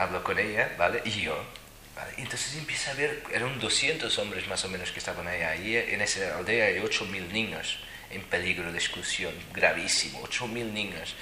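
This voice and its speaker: Deep-voiced man telling stories. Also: moderate pace, pushed and bright, roomy sound, slight background noise. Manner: emphatic, repeats words for emphasis. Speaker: speaker telling personal stories. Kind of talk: animated storytelling to an audience.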